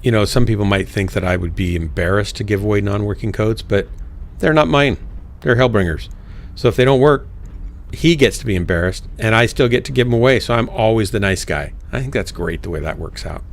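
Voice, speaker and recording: Low-voiced man hosting a game stream. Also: brisk, gravelly, slight background noise. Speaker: streamer and host. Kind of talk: casual live game stream chat.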